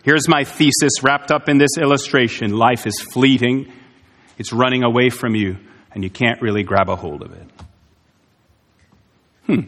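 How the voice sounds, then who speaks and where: A man delivers a sermon in an earnest, emphatic way, leaning on rhetorical questions. His voice sits at a middle pitch. The sound carries a long hall reverb from the church sanctuary. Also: normal speed, pauses often, fairly bright tone. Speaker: pastor.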